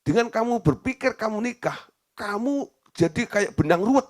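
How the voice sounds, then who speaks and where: A man voicing a patient male minister who calmly explains his counsel. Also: sits high, normal speed, pitched above the performer's own voice. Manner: calm, steady, explaining.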